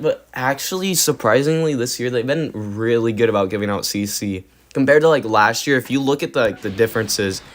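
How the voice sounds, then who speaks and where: A man livestreaming a video game with casual, slangy frat-bro commentary. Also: medium pitch. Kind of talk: casual live gaming commentary.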